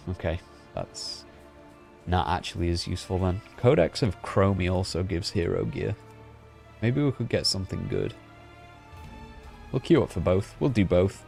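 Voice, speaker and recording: A man streaming games, chatting and thinking aloud in a relaxed way. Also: low voice, gravelly. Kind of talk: casual reaction livestream.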